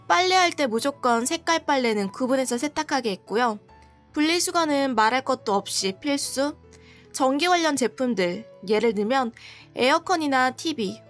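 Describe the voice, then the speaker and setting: A high-pitched woman tells a first-person story, speaking casually and sounding aggrieved. Soft music plays quietly under her voice. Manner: conversational, aggrieved retelling.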